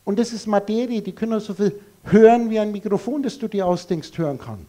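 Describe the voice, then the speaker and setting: A man's voice: high voice, fairly quick, mellow. A man giving a live lecture to an audience in a blunt, emphatic way, full of rhetorical questions.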